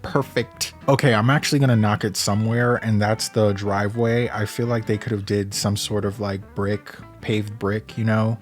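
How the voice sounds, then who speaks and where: A man's voice: on the low side, steady tone, moderate pace, few pauses, soft background music. Joking, sarcastic man vlogging. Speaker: YouTuber reviewing a house. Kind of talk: casual chat.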